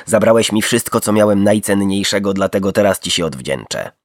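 A man's voice: on the low side, expressive, fairly quick, dry recording, studio quality, natural voice. A man voicing a cold, metallic-toned vengeful killer. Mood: menacing.

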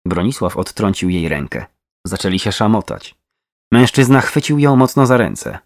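Male true crime narrator, low and expressive, dry close recording. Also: moderate pace, no room sound. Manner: dramatic, tense narration.

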